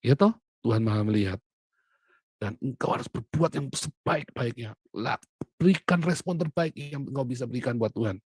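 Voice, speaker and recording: A man's voice: medium pitch, moderate pace, husky, dry recording. Middle-aged man preaching with big swings. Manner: animated preaching, acting out family quotes, swinging between loud and soft. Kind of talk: sermon.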